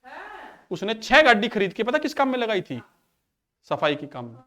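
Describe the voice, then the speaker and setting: A man's voice: high voice, wildly swooping pitch, normal speed, pushed and bright. A male maths teacher in his thirties, telling stories casually to his class and acting out the quoted lines. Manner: chatty, acts out quoted dialogue.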